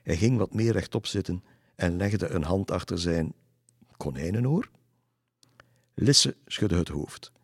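A man reading a folk tale aloud in a measured way. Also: deep voice, animated, slightly rough, no room sound, studio quality. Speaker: narrator. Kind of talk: storybook narration.

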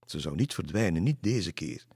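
A man reading a children's story aloud as narrator, calm and measured. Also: sits low, breathy edge, no echo, clean studio sound.

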